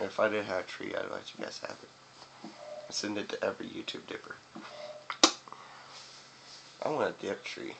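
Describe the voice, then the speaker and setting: A man's voice: fairly low pitch, gravelly, a bit bright. A young man chatting casually to camera, rambling and swearing, with chewing tobacco in his mouth. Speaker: video reviewer. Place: small room indoors by a window. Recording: noisy webcam-style room recording.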